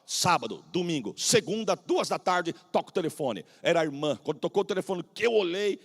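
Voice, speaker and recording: A Brazilian man in his forties, a pastor preaching a sermon, swinging between shouted proclamation and hushed, humorous storytelling. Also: high voice, animated, a little fast, big-room sound. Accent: Brazilian Portuguese. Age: 40s. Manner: humorous, folksy anecdotes.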